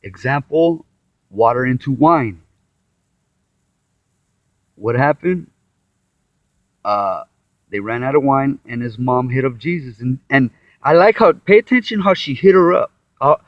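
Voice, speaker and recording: Slow, tired man musing on scripture. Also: medium pitch, no room sound. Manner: meandering, with sighs, restarts and acted-out quotes. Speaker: self-taught Bible commentator. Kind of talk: casual rambling Bible talk to camera. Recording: dull, muffled lo-fi audio.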